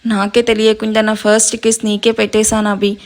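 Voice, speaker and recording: A woman storyteller voicing a charming young man who speaks in a soft, hushed way. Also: medium pitch, completely flat delivery, a little fast, lightly acted.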